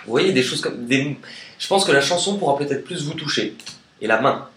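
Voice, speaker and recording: A man giving a relaxed, chatty tarot card reading in a casual video. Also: fairly high pitch, moderate pace. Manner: chatty and relaxed, sings snatches of songs. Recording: echoey room with faint noise.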